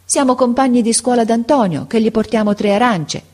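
Woman reading as a kind storybook schoolboy, gentle and reassuring, raised youthful pitch. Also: a little fast, lightly acted. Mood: tender. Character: kind, steady schoolboy comforting a sick friend.

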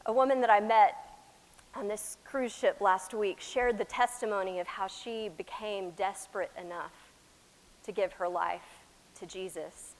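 A woman from Texas with an American accent preaching a sermon, with deliberate, emphatic phrasing, dramatic pauses and swings from loud to soft. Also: mid-range voice, fairly even intonation. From Texas, United States. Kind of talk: sermon to a chapel congregation. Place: large chapel, speaking to a congregation. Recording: echoey hall with long reverb.

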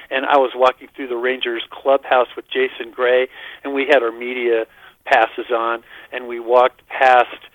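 A radio guest, an older man, recalls baseball memories enthusiastically and at length during a casual on-air phone chat. His voice is mid-range with no echo, carried over a dull, lo-fi line.

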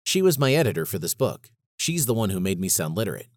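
A man's voice: fairly low pitch, very animated, fast, no echo. Man voicing chatty author guest, rambling, easygoing, dry close sound. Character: chatty middle-aged male author guest.

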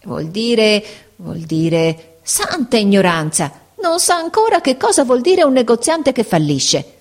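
A woman's voice: on the high side, big pitch swings, measured pace, pitched above the performer's own voice. A woman reading aloud voices an older woman concierge who talks in an ironic, imperious, suspicious way.

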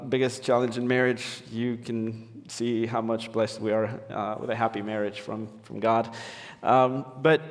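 A man from Ecuador, a pastor, preaches at a medium pitch, pausing often on fillers and restarting his phrases. His voice carries a long reverb from the hall around him. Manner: hesitant, many fillers and restarts. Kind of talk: sermon. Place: church sanctuary.

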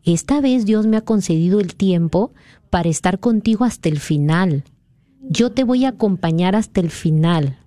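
A woman's voice: on the low side, animated, normal speed, dark tone, no echo. A woman from Peru earnestly retelling a dream as a guest in a conversation. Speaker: guest sharing a testimony. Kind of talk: conversational storytelling.

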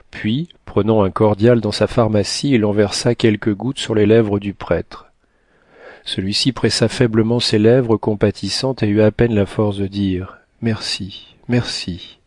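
A man narrating an adventure novel as a scripted audiobook, reading in a steady, measured way. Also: lowish voice, no echo.

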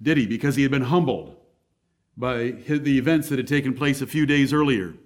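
A man's voice: medium pitch, brisk. A man preaching a sermon as pastor at a pulpit microphone, emphatic and blunt.

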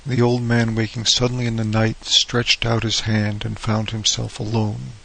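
A man reading an old horror short story aloud as narrator, in a steady, even way. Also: fairly low pitch, moderate pace, creaky, low-quality recording.

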